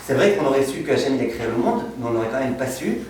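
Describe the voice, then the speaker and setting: A man teaching a lively, humorous class as a rabbi, asking the students questions and answering them himself as he tells anecdotes. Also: mid-range voice, rapid-fire, a little hiss or hum. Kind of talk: lively Torah lesson with humor. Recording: echoey room, mic far off.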